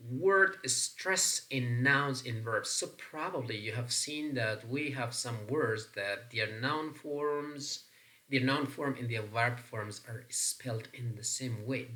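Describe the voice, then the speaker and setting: A man's voice: mid-range voice, bright, forceful tone. A man with an Afghan accent teaching an English pronunciation lesson, explaining step by step with frequent fillers and restarts. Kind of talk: recorded classroom lesson.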